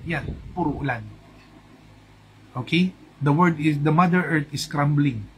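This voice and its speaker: A chatty Filipino-accented man coaching an audience on feng shui in a loose, casual live talk. His voice sits a little high for a man. A faint hum of room noise runs behind him. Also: unhurried, rough recording. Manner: chatty, mixes in English, asks "di ba?" often.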